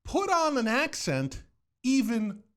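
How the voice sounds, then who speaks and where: A man co-hosting a casual comedy chat, giving mock-serious advice in an animated way. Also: extremely high pitch, takes it slowly. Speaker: podcast co-host.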